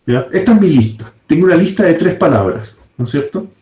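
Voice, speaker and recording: A man's voice: a little high, animated, brisk, dark tone. A man teaching a programming class, explaining step by step and often checking in with his students. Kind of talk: live coding class. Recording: echoey room.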